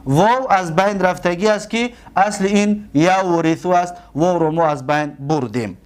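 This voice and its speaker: A man gives a classroom lecture as a religious teacher. He asks the class questions, answers them himself, and stretches out and repeats example words slowly. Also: sits high.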